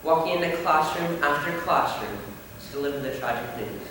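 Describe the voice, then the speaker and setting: A young man playing an earnest male high school senior, giving a solemn, rousing stage speech. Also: expressive, a little fast, natural voice. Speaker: student actor. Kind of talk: stage play speech to a class. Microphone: distant room mic. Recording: echoey hall from far off, noisy.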